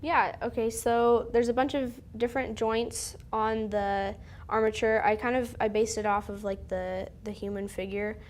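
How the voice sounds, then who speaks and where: A woman's voice: a little high, fairly even intonation, normal speed. A teenage girl, a student filmmaker, chatting in an interview with many fillers. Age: teens. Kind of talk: casual interview.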